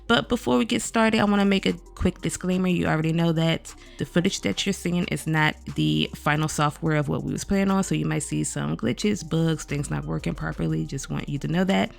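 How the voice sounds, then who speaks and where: Groggy gravelly-voiced woman gaming vlogger. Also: deep voice, brisk, hardly any pauses. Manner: chatty, addresses viewers directly as "y'all". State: groggy morning voice. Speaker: gaming video creator. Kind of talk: casual game overview vlog.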